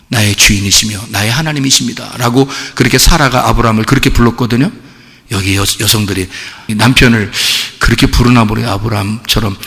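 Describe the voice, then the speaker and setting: Animated pastor, gravelly voice, hall echo. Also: male voice, medium pitch. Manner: animated, acts out voices of spouses in quoted asides. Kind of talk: lively conversational sermon. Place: church sanctuary. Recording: long church hall reverb.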